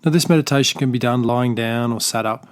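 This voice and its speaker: In a soft, unhurried, mid-pitched voice, an Australian man teaching meditation leads a body scan. He speaks gently and without a script, restarting now and then and leaving long silences between loose instructions.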